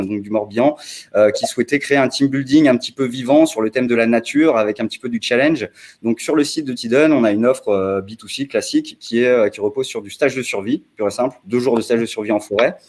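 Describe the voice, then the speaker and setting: Hesitant man explaining, medium pitch. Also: a little mellow. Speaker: start-up representative. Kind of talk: explanatory presentation, answering questions.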